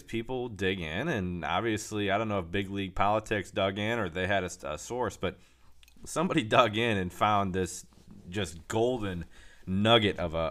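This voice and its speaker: A man giving casual political commentary alone, sarcastic and mocking, with many halting fillers and restarts. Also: fairly low pitch, fairly bright tone.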